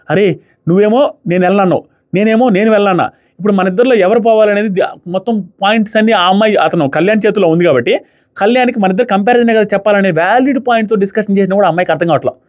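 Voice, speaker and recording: Rapid-fire high-voiced man ranting. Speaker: reality show reviewer. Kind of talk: opinionated review commentary.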